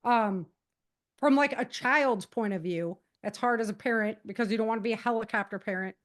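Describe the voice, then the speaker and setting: Brisk and fairly high-pitched, this middle-aged podcast guest, an author who advocates self-defense, offers conversational advice with emphasis. She repeats her key points and acts out sample dialogue.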